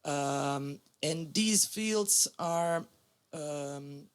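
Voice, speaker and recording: A woman in her forties from Croatia, speaking English with a Croatian accent as a non-native speaker, gives a public lecture as a music curator. She talks haltingly, with many fillers and self-corrections. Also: deep voice. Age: 40s.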